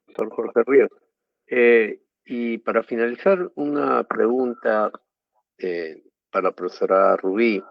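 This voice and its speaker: A man's voice: mid-range voice, slow, gravelly, no echo, highs cut off. A man moderating an academic panel over a video call, his audio choppy and breaking up, hesitant with many filler sounds. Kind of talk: formal academic panel questions.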